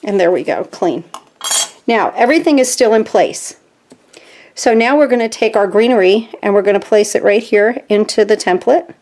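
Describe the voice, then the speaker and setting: Chatty, excitable woman crafting at home. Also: mid-range voice, normal speed. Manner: chatty and easily excited, talks to viewers while working. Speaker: craft tutorial host. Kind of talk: casual step-by-step craft demonstration.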